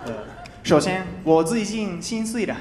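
A man's voice: high-pitched, unhurried, a crowd in the background. A man in his twenties from Japan, a native Japanese speaker, doing stand-up with a Japanese accent and careful learner's phrasing on a handheld mic. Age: 20s. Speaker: stand-up comedian. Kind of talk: stand-up comedy monologue. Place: large TV studio stage with live audience. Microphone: handheld microphone. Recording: roomy stage sound with audience noise.

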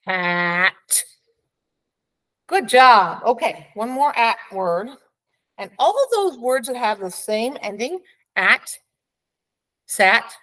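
A woman leading a preschool reading lesson in a slightly high voice. She talks slowly and patiently, stretching out each letter sound and cheering the child on. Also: expressive, pushed and bright. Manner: slow, encouraging, sounds out letters. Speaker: preschool teacher.

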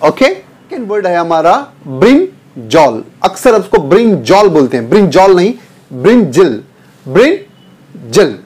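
A man teaching English pronunciation, drawing out and repeating each word slowly and calling his viewers dear students. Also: high-pitched, big pitch swings, a little mellow. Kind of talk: pronunciation lesson.

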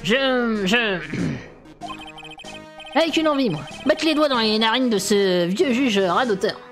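A woman's voice: on the high side, expressive, unhurried, a bit bright, faint music behind. A woman voicing a rude, grumbling old male craftsman in a video game playthrough. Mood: ranting.

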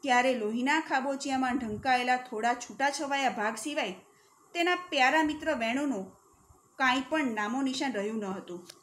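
High-voiced woman teacher reading a story. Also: moderate pace, a little hiss or hum. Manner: expressive reading, acting out characters' shouts. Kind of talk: reading a story aloud for students.

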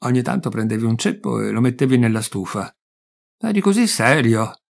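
A man's voice: mid-range voice, very animated, a little fast, creaky. A man voicing a fond elderly mother. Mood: reminiscing. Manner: gentle, reminiscing, affectionate.

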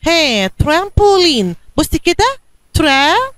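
Egyptian woman teacher, high bright voice, dry close sound, coaxing classroom tone. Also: sing-song, fairly quick, no echo. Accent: Egyptian Arabic. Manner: coaxing, asks and answers her own questions. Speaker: kindergarten teacher. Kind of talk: bilingual classroom lesson for young children.

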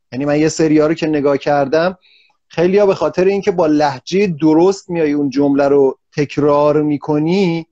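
Guy hosting a chat, high-ish voice, rambles a lot, dry muffled sound. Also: warm tone, no echo. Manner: rambling, long winding questions. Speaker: interview host. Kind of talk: casual interview questions.

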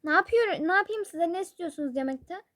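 A woman's voice: extremely high pitch, animated, fairly quick, a bit bright, voice pushed up. Woman playing a grumbling fussy mother. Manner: nagging, grumbling with sighs. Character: fussy scolding mother of a family. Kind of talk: toy-game role-play voicing.

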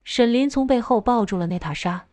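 A woman's voice: on the high side, expressive, fairly quick, darkish tone, no room sound. Woman narrating a novel, dry close sound. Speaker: audiobook narrator.

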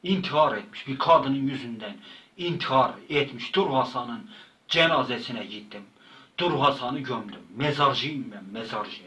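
A man's voice: mid-range voice, moderate pace, sharp tone, recorded from a distance, low-quality recording. A man telling a rambling comic story in casual slang, often repeating and stumbling over words. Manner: repetitive, slangy, stumbling retelling. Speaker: channel host.

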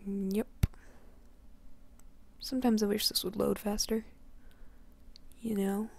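A young woman talks through her game at a very slow, drawn-out pace, her voice hoarse from a cold. She rambles casually and often sinks into a near whisper. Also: mid-range voice, flat delivery, darkish tone. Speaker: gaming channel host. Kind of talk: casual gameplay commentary.

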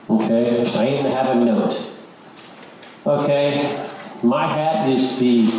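Speaking to his congregation as a lay leader and search committee chair, a middle-aged or older man gives a church announcement and a short devotional. His voice is medium in pitch and a bit mellow, and he halts and repeats words. The distant microphone picks up echo from the large indoor sanctuary along with background noise.

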